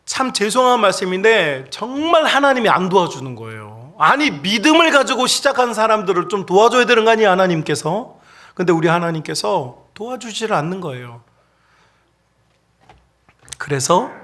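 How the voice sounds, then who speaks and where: High, lively-voiced preaching pastor man. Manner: animated, conversational preaching with rhetorical questions; addresses the congregation directly and often. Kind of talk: Sunday sermon.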